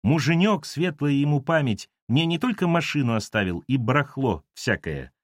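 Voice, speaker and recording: A man's voice: mid-range voice, sing-song, normal speed, no room sound, clean studio sound, natural voice. A man voicing a widow who coos endearments while making veiled threats. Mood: menacing coo. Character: sweetly menacing widow, coaxing and threatening.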